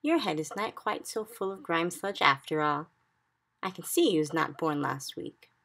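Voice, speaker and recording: A big, good-natured giant , as a woman puts him on for a storybook reading, booming and rough-voiced, twisting his words into odd grammar. The tone is gravelly and bright, with a slightly husky edge. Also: lively intonation, normal speed, full character voice. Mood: kindly. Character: big friendly male giant, kindly, muddled grammar.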